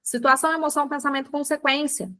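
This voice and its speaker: A woman's voice: sits high, steady tone, fast talker, bright, forceful tone. A Brazilian woman, a psychologist, giving a chatty online lecture, addressing her listeners directly and acting out everyday examples. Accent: Brazilian Portuguese. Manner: chatty, addresses audience as "gente", acts out examples. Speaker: psychologist teaching a book club class.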